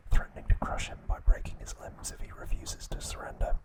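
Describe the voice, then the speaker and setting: In a breathy, unvoiced ASMR whisper, a man who hosts an ASMR trivia channel narrates in short, hushed, measured phrases.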